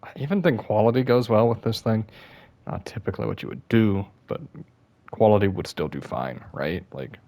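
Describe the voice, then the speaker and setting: A man's voice: lowish voice, animated, moderate pace, warm tone. A young man giving casual, self-deprecating commentary over his gameplay, sounding a bit worn out and apologizing often. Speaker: gaming YouTuber.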